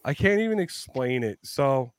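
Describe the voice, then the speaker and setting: Animated, fast-talking male podcaster. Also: medium pitch, clear, resonant tone, no room sound. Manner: animated storytelling, swears a lot, acts out quotes. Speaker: podcast host. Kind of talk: casual podcast chat.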